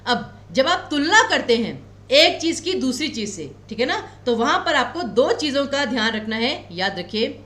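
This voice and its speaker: Woman coaching-class teacher, Himachali Hindi accent, reassuring, high animated pitch. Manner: explains patiently, repeats key points slowly; reassuring, tells students not to worry. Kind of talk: exam coaching lecture. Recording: echoey room.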